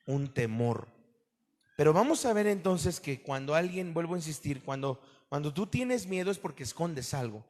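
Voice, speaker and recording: Pastor, male, raised voice, lively sermon delivery, recorded in a reverberant church hall. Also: fairly high pitch. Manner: animated preaching to a congregation, asks questions.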